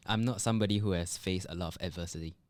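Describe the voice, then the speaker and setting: Deep-voiced man, thoughtful and hesitant. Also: racing, darkish tone, dry recording, studio quality. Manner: thoughtful, hesitant, many restarts. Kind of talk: casual chat among friends.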